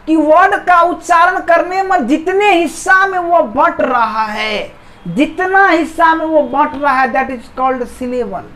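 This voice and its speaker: A woman's voice: high-pitched, fairly bright tone, a little hiss or hum, low-quality recording. A woman teaching an English grammar lesson who repeats key words and keeps asking her viewers questions. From India. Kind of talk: explaining a lesson.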